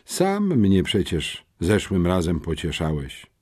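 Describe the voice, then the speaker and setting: A man's voice: low-pitched, wildly swooping pitch, slow pace, darkish tone, full character voice. A man voicing a determined, curt teenage schoolboy detective in an audiobook, speaking firmly. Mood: earnest. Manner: stern, curt.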